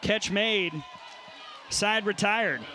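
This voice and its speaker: A man calling live softball play-by-play in clipped, punchy phrases. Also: high-pitched, fairly even intonation, drawn-out words. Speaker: play-by-play announcer. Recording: noisy stadium crowd behind commentary. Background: crowd and outdoor ballpark noise.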